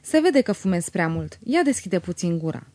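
Woman voicing a bold deep-voiced girl student. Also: sing-song, darkish tone, no room sound. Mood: brash. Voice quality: deep, thick voice. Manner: brash, bossy.

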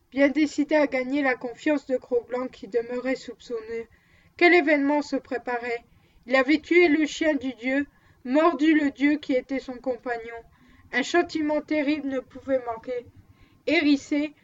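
A woman narrating a novel aloud as an audiobook, in an even, measured manner, on a dull lo-fi recording. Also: high voice. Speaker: audiobook reader.

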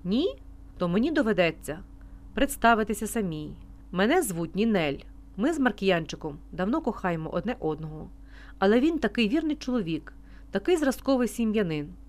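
A woman reading an audiobook voices a brash jealous woman with an unpleasant hissing tone and a showy, overly loud manner. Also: mid-range voice, sing-song, moderate pace, natural voice. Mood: mocking.

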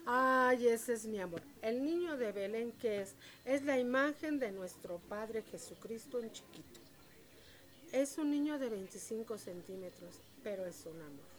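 A woman, telling stories in a lively, chatty and devout way during an interview. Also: mid-range voice. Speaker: interviewee, local shop owner. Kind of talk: casual storytelling interview. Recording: street crowd noise behind.

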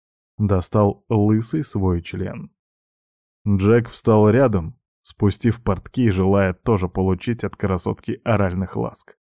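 Male narrator, low mellow voice, dry close recording, steady audiobook reading. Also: dry recording. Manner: steady storytelling, voicing each character in turn. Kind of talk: scripted narration of a novel.

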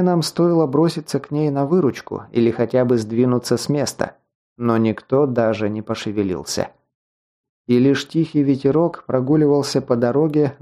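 A man reads a fantasy novel aloud in a dark, mellow voice at a middle pitch. His narration is measured and even, scripted. The tone stays steady from one line to the next. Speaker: audiobook narrator.

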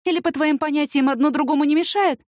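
A woman voicing a brisk, sarcastic woman friend who works in the courts and lectures her friend, in a storybook reading. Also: high voice, fairly even intonation, no echo, clean studio sound, pitched above the performer's own voice, natural voice. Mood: scolding.

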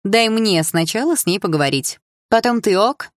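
A woman's voice: mid-range voice, animated, moderate pace, dry recording, clean studio sound, voice pushed up, natural voice. A woman reading an audiobook, voicing a cocky, cruel teenage girl bully with a taunting, sneering manner.

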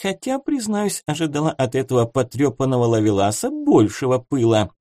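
A man reading an audiobook, voicing a curious young noblewoman in a raised girlish pitch. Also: huge pitch swings, a little fast, mellow, dry recording. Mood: prim, curious. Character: young flustered noble girl, curious baroness. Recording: dry close studio sound.

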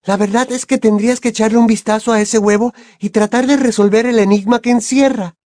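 A man voicing a bright, bossy teenage schoolgirl witch who talks earnestly and sensibly. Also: sits high, fairly even intonation, a little fast, no room sound, clean studio sound, pitched above the performer's own voice, natural voice.

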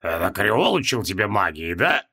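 A man's voice: sing-song, normal speed, pushed and bright, slightly rough, heavily acted. A man voicing a sly, weary male demon. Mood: sardonic. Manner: drawling, sardonic, low and subdued.

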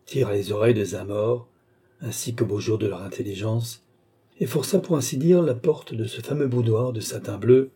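A male narrator reading a classic novel in a measured, literary way. His voice is dark and a bit husky. The delivery is steady and unhurried. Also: fairly low pitch. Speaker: audiobook reader. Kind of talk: scripted narration.

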